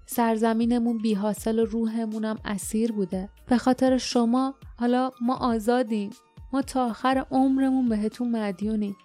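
A woman voices a solemn, gentle woman of a long-suffering people in a storybook. Her voice is earnest and kind, pitched a little high. Her words carry weight. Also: fairly even intonation, faint music behind, natural voice. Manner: earnest, kind but fearful.

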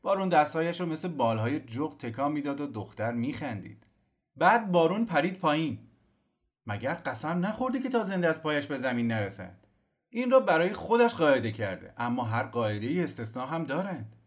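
A man's voice: a little high, very animated, voice pushed up. A man reading an audiobook, voicing a gossiping village man who talks in a chatty, knowing way. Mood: gossipy.

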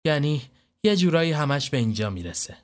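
A man's voice: on the high side, sing-song, pitched above the performer's own voice. A man voicing a weary young woman addict who answers in curt, dismissive retorts. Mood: earnest. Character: weary young female addict, sharp-tongued.

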